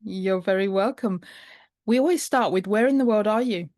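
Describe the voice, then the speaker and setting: A woman's voice: mid-range voice, moderate pace, a little mellow, no echo, clean studio sound. A woman hosting a podcast interview, introducing and questioning her guest and often rephrasing as she goes. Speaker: podcast host.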